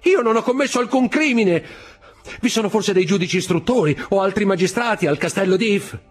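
A man's voice: sits high, expressive, fairly quick, faint music behind, pitched above the performer's own voice. A man reading aloud voices a desperate young male prisoner who cries out in rising alarm.

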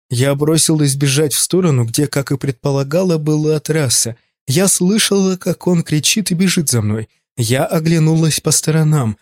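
A man narrating a first-person audiobook in an even, steady storytelling manner. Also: on the high side, no room sound, clean studio sound. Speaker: audiobook reader.

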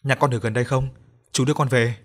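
A man's voice: mid-range voice, fairly even intonation, quick pace, natural voice. A man voicing a kind young man who soothes and reassures a child in a story reading. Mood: soothing.

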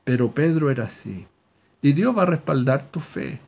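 Preacher, middle-aged man, high-pitched, animated testimony teller. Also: normal speed, gravelly. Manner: animated storytelling, acting out voices in quotes. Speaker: Bible teacher. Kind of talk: sermon with personal testimony.

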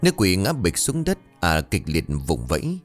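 Deep guy reading a spooky story, lots of pitch swing, soft music behind. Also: wildly swooping pitch, moderate pace. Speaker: narrator. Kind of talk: ghost story narration.

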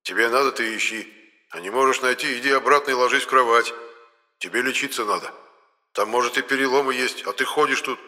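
A man's voice: medium pitch, a little fast, bright, forceful tone, in a large hall. A man voicing a grumpy, fussing male ghost in an audiobook, grumbling and scolding.

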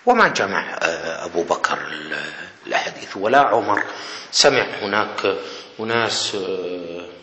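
A man's voice: sits low, animated, normal speed, pushed and bright. A man, a professor giving a critical lecture-style talk in a sarcastic manner. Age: 40s. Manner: sarcastic, mimics dialogue. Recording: echoey hall with faint noise.

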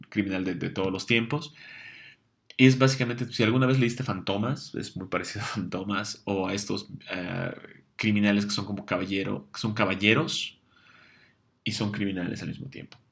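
Casting: young host, gravelly low voice, loose talk with plenty of fillers. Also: male voice, fairly bright tone. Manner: chatty, many fillers and restarts. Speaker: comics show host. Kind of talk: casual comics chat answering viewer questions.

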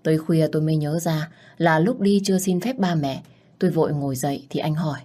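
A woman narrating a first-person love story in a gentle, emotional reading voice. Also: deep voice, brisk.

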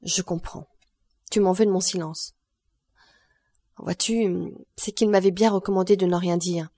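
A woman's voice: lowish voice, fairly even intonation, unhurried, dark tone, no room sound, studio quality. A woman reading an audiobook, voicing an earnest young woman who speaks anxiously and affectionately to her grandfather. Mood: pleading.

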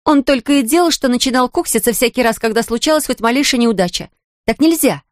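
Woman doing a sharp-tongued gossipy young friend. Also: fairly high pitch, lively intonation, no echo, studio quality, voice pushed up, close to an everyday voice. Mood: chatty, scornful. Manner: brisk, scornful, chatty.

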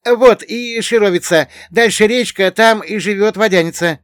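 A man voicing a talkative young village man in an audiobook, speaking loudly and with excitement. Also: sits high, moderate pace, no echo, studio quality, pitched above the performer's own voice, natural voice. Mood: wary. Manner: raised, excited, loud delivery.

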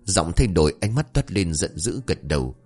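Low-voiced man, expressive narrator for a dark audio story. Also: normal speed, husky, soft background music.

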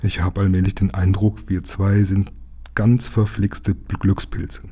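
A man's voice: deep voice, flat delivery, unhurried, warm tone, slightly rough. A man reading aloud, voicing a sturdy, good-natured engine driver who grumbles his words in an easygoing way. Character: sturdy adult engine driver, gruff and warm-hearted.

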